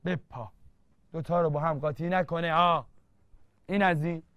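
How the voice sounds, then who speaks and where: A man whose voice sits a little high, with fairly even intonation, teaches literature for an exam, teasing playfully and repeating key terms to drill them in. There's no room sound, and the recording is dull, dry and lo-fi.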